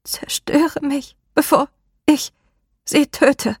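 Croaking, tormented cursed woman. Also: sits high, fairly even intonation, takes it slowly, darkish tone, no room sound, in a whisper, studio quality, pitched above the performer's own voice. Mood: choked. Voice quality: croaking, strained. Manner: desperate, pleading.

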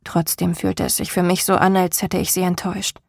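A woman giving scripted first-person narration of a novel, slow and intimate. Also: on the low side, flat delivery, vocal fry, no echo, studio quality. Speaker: audiobook narrator.

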